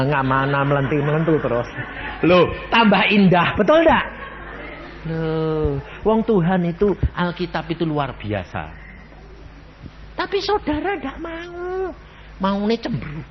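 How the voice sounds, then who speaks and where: A man's voice: on the high side, muffled recording, a little hiss or hum. A man, preaching a sermon and firing rhetorical questions at the congregation. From Central Java, Indonesia. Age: 80s. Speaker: evangelist preacher.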